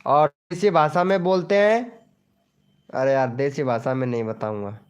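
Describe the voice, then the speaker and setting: A man's voice: mid-range voice, moderate pace, clean tone. Jokey live streamer man. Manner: jokey, teasing, calls out to viewers by name. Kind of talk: casual live stream chat.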